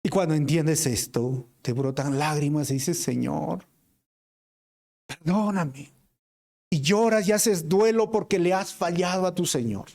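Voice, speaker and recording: A pastor preaching a sermon with a Peruvian Spanish accent, earnest, swinging between emphatic lines and hushed ones and calling the listeners brothers. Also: male voice, a little high, normal speed, few pauses. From Peru.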